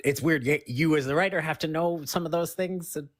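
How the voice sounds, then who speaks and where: A woman's voice: sits low, fairly quick, dry recording. Dry-sounding woman author in casual interview. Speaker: fiction author being interviewed.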